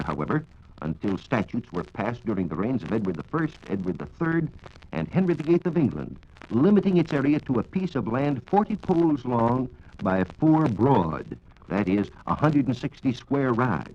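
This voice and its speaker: Here a medium-pitched American man with a dark, slightly rough tone swings his pitch widely at a moderate pace. He is a 1940s radio science reporter giving precise, formal scripted answers to listener questions. Expect a dull, lo-fi 1940s radio recording.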